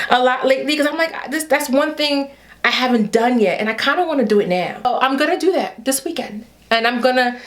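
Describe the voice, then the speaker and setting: A woman from Haiti in her thirties, chatting casually to camera about her hair routine. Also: a little high. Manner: chatty, animated, talks straight to viewers. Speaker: hair vlogger.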